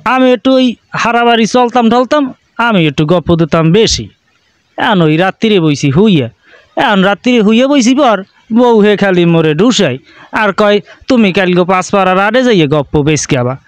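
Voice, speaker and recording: A man's voice: sits high, moderate pace, no echo. A man playing a boastful rustic villager. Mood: boastful, excited. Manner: excitable, boastful storytelling in rural dialect.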